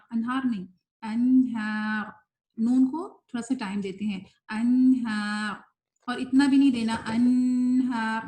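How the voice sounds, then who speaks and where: A woman with a Pakistani Urdu accent teaching Quran pronunciation, explaining patiently and modelling slow drawn-out examples. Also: mid-range voice, dark tone. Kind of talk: recorded online tajweed lesson.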